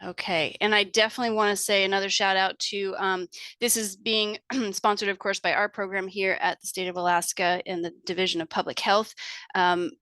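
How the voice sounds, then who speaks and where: A middle-aged woman hosts an online meeting over a computer mic. Her voice is bright and forceful, and the sound is dry and close. She talks in a friendly, rambling way, full of fillers and restarts. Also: mid-range voice, level tone, fairly quick, dry recording. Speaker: state infection prevention lead hosting office hours.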